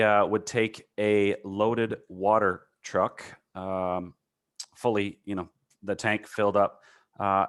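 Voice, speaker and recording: A man with a Minnesota accent answering technical questions in a webinar, halting with many fillers and self-corrections. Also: on the low side, fairly bright tone, no room sound. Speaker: concrete paving presenter.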